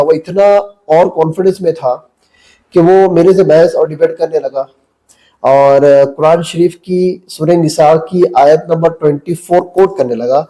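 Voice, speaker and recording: A man's voice: fairly high pitch, mellow, rough recording. A male mufti giving a religious talk to camera, telling a story and then preaching in a blunt, combative, lecturing way. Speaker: mufti, Islamic cleric.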